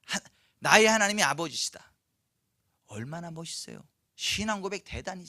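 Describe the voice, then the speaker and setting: Bright-voiced pastor preaching a sermon. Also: male voice, high-pitched, normal speed, dry recording, studio quality. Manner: lively storytelling, asks the congregation questions. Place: church, Friday night service.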